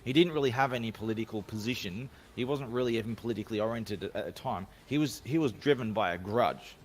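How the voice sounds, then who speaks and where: Here the Australian guest talks fast in a lowish register, calling in remotely with a home microphone. He tells casual podcast stories with easy self-assurance, wandering off on tangents and restarting often.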